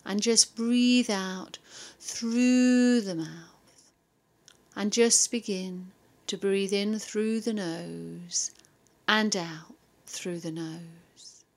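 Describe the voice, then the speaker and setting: A woman guiding a yoga and relaxation session, giving soft, soothing instructions with long pauses between phrases. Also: medium pitch, fairly even intonation. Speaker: yoga teacher.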